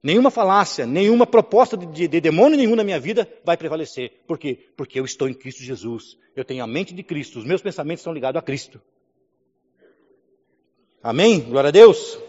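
A man's voice: a little high, lively intonation, fairly quick, darkish tone. Man preaching in an echoing church hall. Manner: preaching with rising emphasis, calls of amen. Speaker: pastor. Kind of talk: sermon. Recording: dull sound with long hall reverb.

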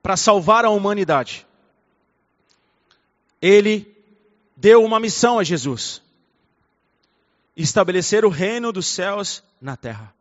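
A man preaching a fervent sermon, swinging between soft, intimate passages and loud, fiery ones. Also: high voice, animated, measured pace, long pauses. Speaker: pastor. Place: church hall. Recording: dull recording in a reverberant hall.

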